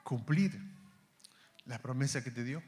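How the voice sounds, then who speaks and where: A man with an Argentine accent, preaching a sermon to his congregation. He calls them brothers, asks many rhetorical questions and drops to a soft, slow voice when quoting God. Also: mid-range voice. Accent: Argentine Spanish.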